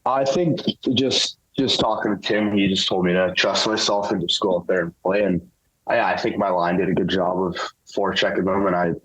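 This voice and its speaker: A young man answering interview questions casually, in a relaxed, halting way with lots of fillers. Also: low voice, slightly rough, poor audio. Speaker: interview guest, hockey player.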